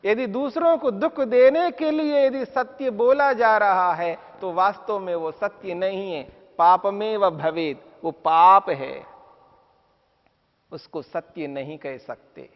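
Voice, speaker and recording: A man with a high voice teaches scripture at an unhurried, deliberate pace, stressing each point and repeating Sanskrit verses. The recording is dull and lo-fi, and his words trail off into a long hall reverb. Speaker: religious teacher. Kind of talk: spiritual discourse.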